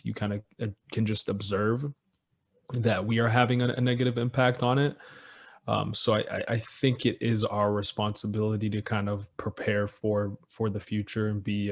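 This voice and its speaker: A young man of Ethiopian heritage, a podcast guest chatting casually and joking, with lots of "um" and "like", recorded over a video call. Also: on the low side. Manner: laid-back, filler-heavy, joking. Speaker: podcast guest, business owner.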